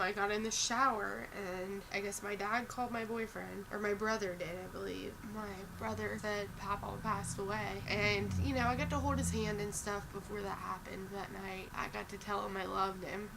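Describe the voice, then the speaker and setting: A woman's voice: mid-range voice, noisy background. A woman in her twenties telling personal stories in a casual vlog, rambling and emotional, with lots of "like" and "you know". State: tearful at times. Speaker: vlogger.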